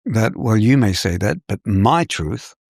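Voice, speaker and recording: An older man from New Zealand answers as a scholar in an interview, measured and professorial. His low voice is gravelly and husky. The sound is dry and close. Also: lively intonation, a little mellow, dry recording. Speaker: scholar guest.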